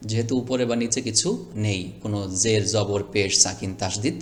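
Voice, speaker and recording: A man's voice: on the low side, fairly even intonation. Man patiently spelling out Quran lessons. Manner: slow, deliberate spelling out of letters. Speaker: Quran reading teacher.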